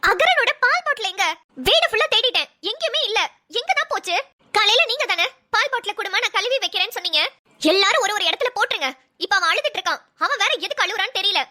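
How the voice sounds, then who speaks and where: A woman's voice: very high-pitched, animated, fast talker, bright, forceful tone, exaggerated voice. A woman voicing a harried young mother in a cartoon, exasperated and scolding as she complains. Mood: irritated. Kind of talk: cartoon voice acting.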